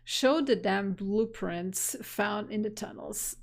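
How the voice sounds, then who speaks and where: A woman streamer reading a text game aloud on a live stream, slow and deliberate, while losing her voice. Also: mid-range voice.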